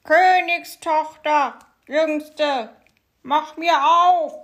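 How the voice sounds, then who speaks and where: High pleading storybook frog, slow drawn-out words. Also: male voice, noisy background. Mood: calling loudly. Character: pleading male frog in a well.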